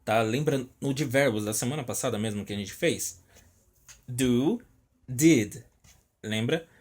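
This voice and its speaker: A Brazilian man with a mid-range, slightly mellow voice records an online English lesson, explaining slowly and repeating each word. He checks in with his students constantly, saying "tá?" again and again.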